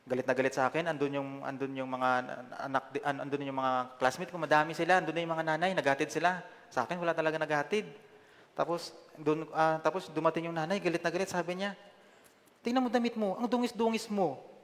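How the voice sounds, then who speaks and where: A man in his twenties from the Philippines giving a personal testimony sermon, conversational and self-deprecating, often pausing on fillers. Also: fairly high pitch, level tone, a bit bright, big-room sound. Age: 20s. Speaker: lay preacher.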